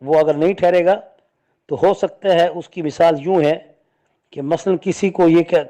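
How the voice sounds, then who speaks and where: A man's voice: on the high side, steady tone, warm tone. A man, a religious scholar, giving a patient step-by-step lesson and explaining points with spoken examples.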